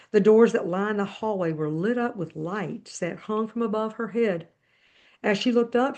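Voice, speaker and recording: Woman reading a story aloud, measured. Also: mid-range voice, a little mellow. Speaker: podcast host. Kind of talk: reading her book aloud with brief commentary.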